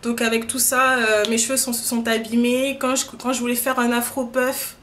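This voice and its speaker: A young woman chats to the camera in a relaxed vlog, her voice sitting a touch high. She hesitates often and fills pauses as she goes. A faint hiss runs under the recording. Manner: chatty, many hesitations and filler sounds. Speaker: beauty vlogger. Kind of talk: casual hair-care vlog.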